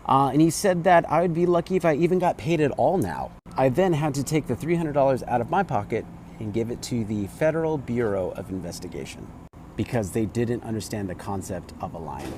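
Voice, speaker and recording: A man who runs a food truck, telling an exasperated, animated story to camera outdoors. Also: medium pitch, fairly quick, slight background noise. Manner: animated, exasperated retelling with quoted voices.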